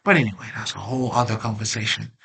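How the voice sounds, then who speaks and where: A man's voice: fairly low pitch, fairly even intonation, fast talker, gravelly, pushed and bright, breathy edge. A man hosting a self-help channel, talking in a rambling, streetwise way with lots of slang and fillers, laughing often and openly emotional. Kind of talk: casual spiritual monologue.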